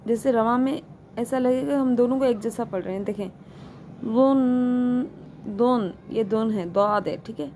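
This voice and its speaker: A woman teaching Quran reading, patiently spelling out each sound and repeating it slowly. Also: a little high, darkish tone, slight background noise. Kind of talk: slow recitation lesson.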